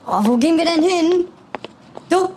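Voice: extremely high pitch, expressive, normal speed, a little mellow, a little hiss or hum. A performer voicing a sulky schoolboy who whines and protests. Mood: whiny. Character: whiny cheeky schoolboy in trouble.

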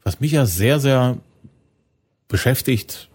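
A man interviewing a guest, asking thoughtful, measured questions. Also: mid-range voice, lively intonation, a little mellow, breathy edge. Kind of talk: conversational interview.

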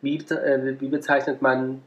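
A man's voice: mid-range voice, flat delivery, unhurried, a bit bright. A man with a Berlin accent hosting a casual chat, quizzing his co-hosts and reading out definitions. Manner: explains definitions like a quizmaster. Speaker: podcast host. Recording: roomy echo.

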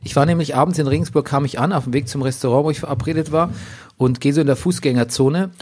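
A middle-aged man co-hosting a podcast, telling anecdotes in casual chat and dropping low and quiet when quoting himself. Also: quick pace. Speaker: podcast co-host.

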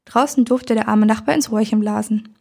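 Woman reading a story, husky and a bit gravelly, dark tone. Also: a little high, fairly even intonation, normal speed. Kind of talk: first-person audiobook narration.

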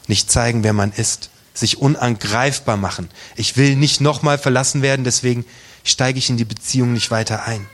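A man preaching a sermon, emphatic and direct, asking rhetorical questions and dropping to hushed tones for weight. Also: medium pitch.

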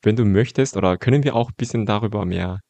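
Calm low-voiced male host. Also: quick pace, vocal fry, no room sound. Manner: calm, attentive, frequent "ne?" tags and "mhm". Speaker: podcast host. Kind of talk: casual interview conversation.

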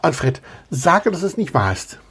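A man's voice: fairly high pitch, sing-song, a little slow, creaky, fairly bright tone, breathy edge, pitched above the performer's own voice, heavily acted. A man voicing a young princess in a storybook, who asks questions in a commanding way. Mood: questioning.

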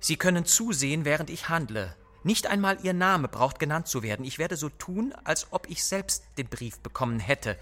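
A man's voice: on the high side, animated, normal speed, few pauses, fairly bright tone, faint music behind, voice pushed up. A male audiobook narrator voicing a grim, scheming member of a secret society, talking in an urgent, conspiratorial way. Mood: grimly resolved.

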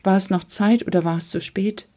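A woman reading a memoir aloud in a measured, earnest storytelling manner. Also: medium pitch, steady tone, dark tone. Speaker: reader.

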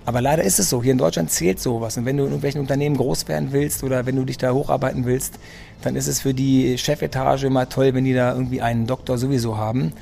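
A man with a gravelly, dark voice talks casually as an interview guest. He tells his story in a chatty way, often circling back and repeating words as he searches for phrasing. He sits in a restaurant for the conversation. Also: mid-range voice, steady tone, fast talker. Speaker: interview guest, sports physician. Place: restaurant in Munich.

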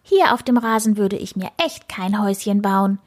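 A woman voicing a chirpy, know-it-all male sparrow in a children's story, lecturing in a high, breathy voice. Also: lively intonation, normal speed, lightly acted. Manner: lecturing, bossy.

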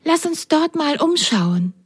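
A woman playing an excitable little girl sock. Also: takes it slowly, exaggerated voice. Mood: excited. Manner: high, eager, whispery.

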